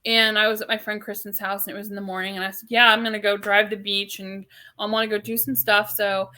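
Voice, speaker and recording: A woman's voice: medium pitch, level tone, fast talker, bright, forceful tone. A middle-aged woman from California, co-hosting a casual faith podcast and telling a long personal story with many fillers and restarts. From Southern California. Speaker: podcast co-host.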